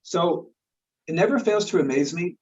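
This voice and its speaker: A guest expert, male, earnestly explains a topic in casual conversation, often repeating words and checking in with "right?". His fairly high voice is expressive and darkish, at a moderate pace. The lo-fi recording sounds slightly dull.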